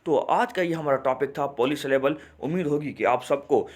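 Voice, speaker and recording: A man teaching an online English grammar lesson, repeating words slowly and asking rhetorical questions. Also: medium pitch, darkish tone. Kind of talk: classroom lesson explaining grammar.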